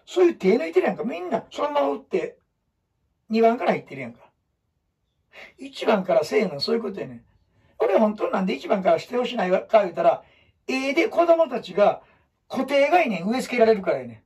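Kansai man teaching storytelling, lively swooping delivery, husky voice, recorded from a distance. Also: a little fast. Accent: Kansai (Osaka). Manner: animated, emphatic, shifts between loud bursts and low asides. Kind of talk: lecture to students.

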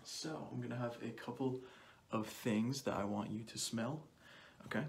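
Speaking at normal speed in a medium pitch, a young man wears a cloth mask for an ASMR examiner roleplay. He talks softly, drops into whispers often, and repeats short phrases near the mic. The recording, made at home in a small plain indoor room, is clearly noisy with clicks.

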